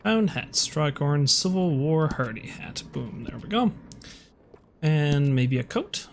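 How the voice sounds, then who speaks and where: A man's voice: a little high, expressive, measured pace, a little hiss or hum. A man giving casual let's play commentary on a video game, musing aloud with playful asides.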